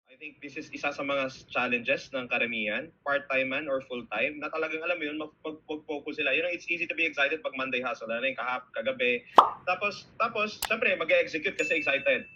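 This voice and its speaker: A Filipino man in the audience asks a loose, stop-start question in a very bright, husky voice, picked up dull and lo-fi. He trails off, repeats himself, and chuckles between thoughts. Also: mid-range voice, brisk. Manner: rambling, hesitant, with laughing asides. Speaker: audience member asking a question.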